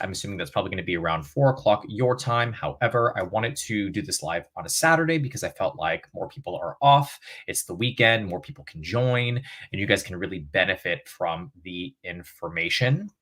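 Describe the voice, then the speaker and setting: A man's voice: sits low, expressive, brisk, hardly any pauses, fairly bright tone. A young man livestreaming relationship advice from his bedroom, chatty and upbeat with frequent fillers. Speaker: relationship coach.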